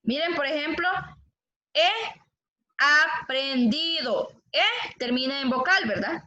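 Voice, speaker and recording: High-voiced teacher in an echoey classroom. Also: female voice, a little fast, bright, forceful tone. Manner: patient, asks the class questions and repeats answers. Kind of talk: classroom lesson on poetic meter. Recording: echoey classroom, dull lo-fi sound.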